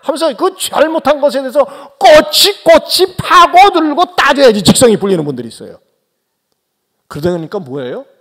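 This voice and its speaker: Preaching a Sunday sermon, this husky, high-pitched male pastor moves quickly with huge swings in pitch. He alternates hushed, low remarks with loud, raised exhortations while putting questions to the congregation and calling on them directly.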